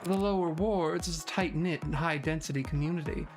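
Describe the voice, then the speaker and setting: Low-voiced determined defense attorney, deliberate, read by a woman over music. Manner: deliberate courtroom argument, building up points. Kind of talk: reading a courtroom visual novel aloud. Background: background music.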